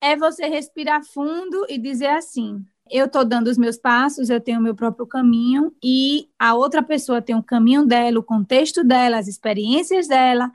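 A woman in her thirties, a new mother, giving an earnest personal testimony in an interview, telling her story with lively quoted dialogue. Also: high-pitched, moderate pace, hardly any pauses. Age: 30s.

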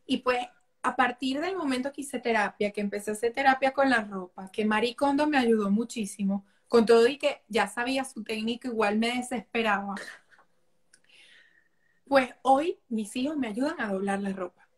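A woman with a fairly high voice talks through her own family anecdotes as a guest. She speaks in an easy, warm conversational way, lively and personal. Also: normal speed. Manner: warm storytelling, acts out family quotes. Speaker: holistic therapist guest. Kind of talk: casual interview conversation.

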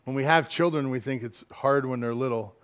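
A middle-aged man preaching a sermon as pastor, swinging from loud, emphatic lines to quiet asides. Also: mid-range voice, fairly quick, clear, resonant tone.

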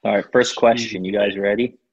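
A man's voice: on the low side, steady tone, a little fast, husky, lo-fi sound. A man chatting casually with friends over a video call, laid-back, dropping "man" and "yo" a lot. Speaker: trivia host among friends.

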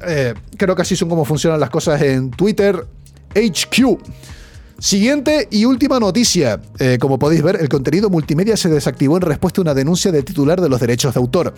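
Podcast host: young Spanish man, Spain Spanish accent, slangy and animated, with a voice a bit on the high side. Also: a little fast, soft background music. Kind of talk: casual news chat.

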